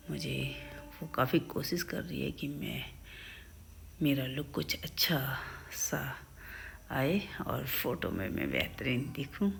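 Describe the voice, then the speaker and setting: A middle-aged woman talks her viewers through her day in an easygoing vlog. Her voice sits very low and carries a strong, gravelly fry. A faint hiss runs underneath. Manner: chatty, narrating each step as it happens. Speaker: family vlogger. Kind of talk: casual vlog narration.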